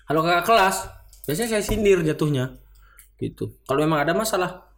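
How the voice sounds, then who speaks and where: A man's voice: on the high side, expressive, fairly quick, fairly bright tone. Rambling young man. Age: young adult. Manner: rambling, frequent filler tags. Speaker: student organization leader. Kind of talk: casual interview answers.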